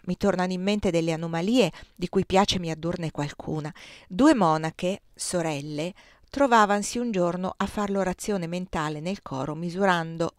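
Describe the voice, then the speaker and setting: A woman's voice: on the low side, no room sound, clean studio sound. Woman reading an old memoir aloud. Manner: expressive, measured storytelling. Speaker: reader.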